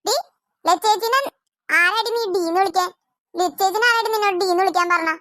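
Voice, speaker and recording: A woman's voice: very high-pitched, a little fast, sharp tone, dry recording, clean studio sound. A woman voicing an exasperated mother in a family cartoon who scolds her children. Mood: scolding. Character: scolding harried cartoon mother of several kids.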